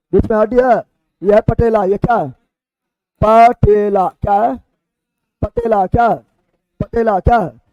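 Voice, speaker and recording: A man's voice: high-pitched, mellow, no room sound. A man teaching a lesson, speaking with a tinge and drilling terms over and over by question and answer. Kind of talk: call-and-response classroom lesson. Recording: dry, dull lo-fi recording.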